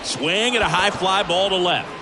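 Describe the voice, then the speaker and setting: A man's voice: sits high, normal speed, loud music behind the voice, lightly acted. A man giving baseball play-by-play in clipped phrases, punching up key calls. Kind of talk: live baseball play-by-play commentary. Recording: loud ballpark ambience behind commentary.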